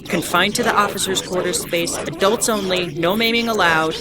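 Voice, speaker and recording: A female starship captain, acted by a woman addresses her crew in a rather low voice. She is formal and measured, with dry asides, in the manner of an official bulletin from a science fiction audio drama. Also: over a noisy crowd, close to an everyday voice. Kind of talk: scripted in-character announcement, audio drama.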